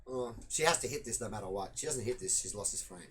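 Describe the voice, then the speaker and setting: Man, pool co-commentator, jokey and excitable, faint hall ambience. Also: on the low side, fast, a little hiss or hum.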